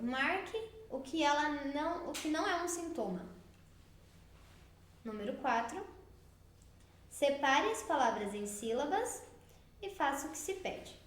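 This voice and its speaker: A woman from Brazil teaching a recorded remote class for young children, explaining worksheet tasks slowly and patiently, step by step. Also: high-pitched, roomy sound.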